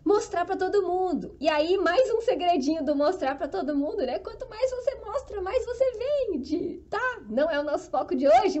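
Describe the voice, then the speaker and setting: A woman's voice: sits high, mellow. A Brazilian woman hosting a live stream on flower arranging, talking in an enthusiastic, motivational way and often checking in with her viewers while she works on an arrangement. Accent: Brazilian Portuguese. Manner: enthusiastic, upbeat, keeps checking in with the audience.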